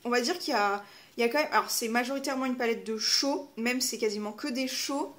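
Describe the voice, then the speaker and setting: Une femme qui parle de façon décontractée en déballant des calendriers de l'avent, avec beaucoup d'hésitations et d'autocorrections. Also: female voice, a little high, fast talker, fairly bright tone. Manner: chatty, lots of fillers, self-correcting. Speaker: vlogger opening advent calendars. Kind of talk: casual unboxing chat.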